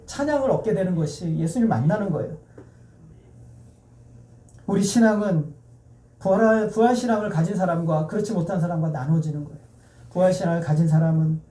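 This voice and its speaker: Male pastor giving a sermon, mellow tone, keeps repeating stuff and quizzing the crowd, far off mic in a big echoey church. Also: high voice. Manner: emphatic, repetitive, asks the congregation questions. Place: church sanctuary. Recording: echoey church sound heard from afar.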